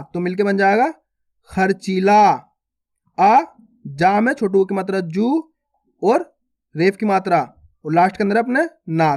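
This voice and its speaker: Male reading teacher, fairly high voice, patient and repetitive, sounds out every syllable, friendly informal tone. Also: a little mellow. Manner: addresses viewers as friends, informal. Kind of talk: slow, spelled-out reading lesson.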